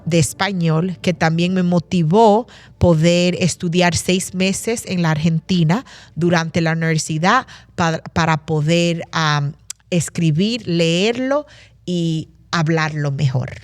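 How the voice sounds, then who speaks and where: A young woman from Massachusetts giving an interview, speaking thoughtfully with many fillers and restarts. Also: lowish voice. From Massachusetts, USA. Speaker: guest. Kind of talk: conversational interview.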